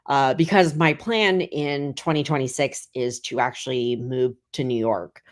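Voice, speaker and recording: Casual guest: thirties woman, deep for a woman, meandering chat full of fillers. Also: steady tone, a little slow. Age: 30s. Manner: rambling, heavy filler "like". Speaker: guest comedian.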